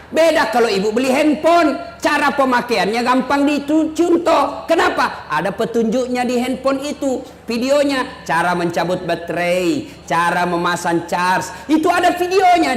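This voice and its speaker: High-voiced, joking male preacher. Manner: joking, emphatic, often shouting. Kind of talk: humorous sermon. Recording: echoey hall, faint noise.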